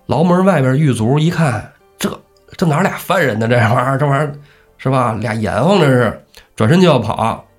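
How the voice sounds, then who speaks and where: A man telling a classic tale on a casual storytelling podcast, acting out the characters' lines with lively energy. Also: mid-range voice, brisk, slightly rough, faint music behind. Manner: lively, acts out characters' shouts. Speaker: storyteller host.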